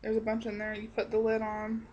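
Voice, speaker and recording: A woman's voice: a little high, completely flat delivery, brisk, muffled recording, slight background noise. A young woman giving a casual, chatty review to camera, rambling along in a blunt, salty-tongued way. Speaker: product reviewer.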